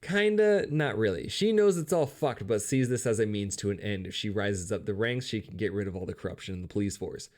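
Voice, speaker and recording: Brief: male narrator for a game story recap, lowish voice, sarcastic and crude wisecracks. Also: animated, fast, few pauses, darkish tone.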